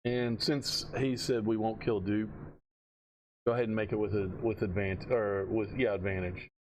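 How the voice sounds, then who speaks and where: A man narrating casually as game master, halting and thinking aloud as he goes. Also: on the low side, fairly even intonation, a little hiss or hum, low-quality recording.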